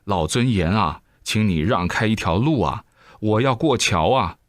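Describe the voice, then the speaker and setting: Picture a desperate young man in a told tale, pleading humbly with his elder. His voice is low and close-miked, with no room sound, and a man acts him out. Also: expressive, unhurried, no echo. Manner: pleading, deferential.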